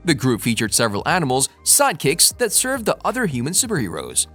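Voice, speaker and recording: A man's voice: on the high side, huge pitch swings, fast, fairly bright tone. A man reading a scripted movie-news narration as the narrator. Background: faint music.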